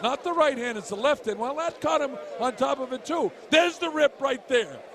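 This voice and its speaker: High-pitched male boxing commentator at ringside. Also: animated, normal speed, a bit bright. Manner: emphatic, explanatory, repeats key points. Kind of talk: live fight commentary with replay analysis. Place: ringside at an arena. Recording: crowd murmur at ringside broadcast. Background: crowd noise.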